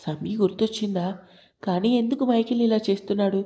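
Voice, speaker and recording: A woman's voice: mid-range voice, fairly quick, warm tone, lightly acted. A woman voicing a distraught young wife who speaks through tears. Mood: tearful. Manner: tearful, pleading.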